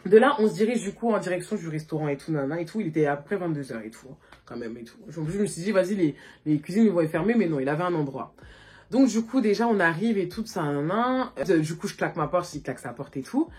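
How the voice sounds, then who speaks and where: A woman vlogger telling a story in a casual, animated way, talking loosely and full of filler words, recorded on a phone. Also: on the low side, fast talker, slightly rough. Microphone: phone camera.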